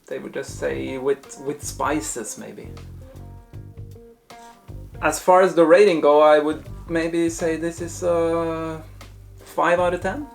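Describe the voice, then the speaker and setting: A man's voice: on the high side, steady tone, takes it slowly, creaky, pauses often, faint music behind. A man presenting a casual taste-test review, thinking aloud in hesitant, broken phrases. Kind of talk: casual food review talk to camera.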